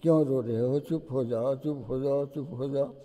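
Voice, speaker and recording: A man's voice: medium pitch, steady tone, moderate pace, mellow, in a large hall, close to an everyday voice. A man voicing an affectionate elderly holy man, soothing and fatherly.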